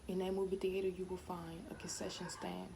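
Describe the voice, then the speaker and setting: A young woman in her twenties rambles on to her camera at home, chatty and full of asides. Her voice sits fairly low. The home video recording has a clear hiss of noise behind her. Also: level tone, fairly quick. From Louisiana, USA. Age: 20s. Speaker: vlogger. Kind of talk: casual talk to camera. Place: home, indoors.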